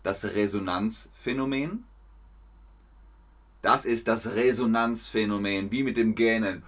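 This man's voice sits on the low side as he teaches German over a stream. His delivery is slow and clear, with repeated words for the learners and plenty of lively noises and laughs.

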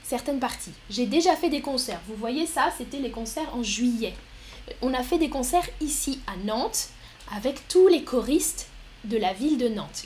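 A woman hosting a live stream, talking slowly and clearly as she reads out viewer comments and answers them with frequent light laughter. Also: on the high side, slight background noise. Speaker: livestream host.

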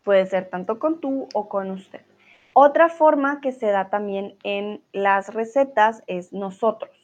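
A woman's voice: mid-range voice, slow pace. A woman teaching a live online grammar lesson, patiently reading out student comments and correcting them. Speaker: Spanish teacher.

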